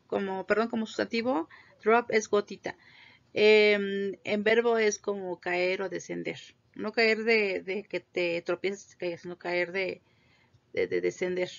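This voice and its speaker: A woman teaching an English grammar lesson, patiently repeating each word slowly for pronunciation. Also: medium pitch, creaky. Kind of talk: slow classroom lesson explaining grammar. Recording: dull lo-fi recording.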